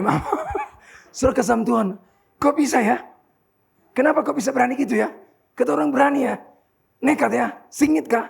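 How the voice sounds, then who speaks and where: An Indonesian-accented pastor in his sixties delivers an impassioned sermon to a church congregation. His voice is high, gravelly and husky, swinging widely in pitch and rising to shouts at its peaks. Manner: animated preaching, addresses congregation as saudara, shouts at climaxes. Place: church hall.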